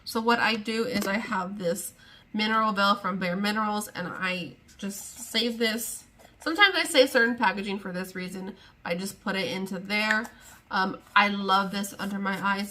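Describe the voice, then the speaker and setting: Her medium-pitched voice sounds pushed and bright as this young woman, a beauty vlogger, rambles through her makeup in an exasperated, casual sit-down chat to camera at home.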